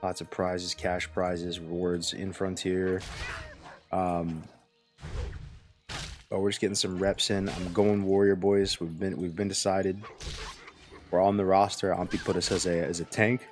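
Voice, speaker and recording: Sleepy male streamer, very low voice, rambling laid-back chat, faint music behind. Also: flat delivery, a little slow, long pauses. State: sleepy, yawning. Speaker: game streamer. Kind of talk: casual live-stream chat while playing.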